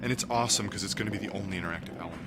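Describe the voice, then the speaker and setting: A man's voice: sits low, very fast, very noisy. An actor playing a chatty young man rambling casually. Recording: loud outdoor ambience behind.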